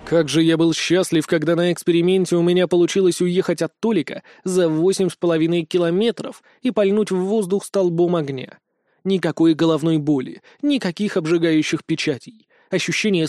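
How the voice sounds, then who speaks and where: A man narrating an audiobook in the first person, dry and even-toned. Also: sits high, brisk, no room sound.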